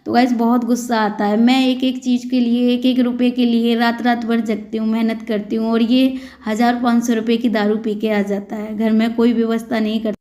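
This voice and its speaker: A woman's voice: a little high, flat delivery, brisk, hardly any pauses, mellow. A woman, likely in her thirties, talking earnestly and plainly to her viewers in a casual home vlog. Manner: earnest, plain-spoken, addresses viewers as "guys". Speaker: vlogger.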